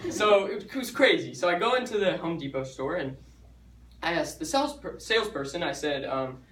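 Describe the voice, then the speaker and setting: A man's voice: a little high, lively intonation, normal speed, a bit bright. Young man in an echoey hall. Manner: chatty, joking, stumbles over words. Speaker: student speaker. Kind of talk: nervous student talk. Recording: echoey hall, mic far off.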